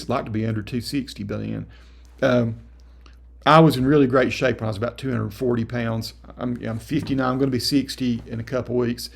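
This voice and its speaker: A man in his late fifties chats casually to his viewers in a gravelly, mid-pitched voice. His talk is folksy and meandering, full of little restarts and self-corrections. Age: 50s. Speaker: vlogger.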